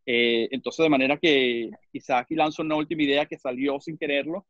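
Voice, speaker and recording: Over muffled video call audio with no echo, a Venezuelan man on a webinar panel talks in a mid-range, slightly bright voice with fairly even intonation. His Venezuelan Spanish accent comes with halting speech, frequent repeats, and regular pauses to search for words.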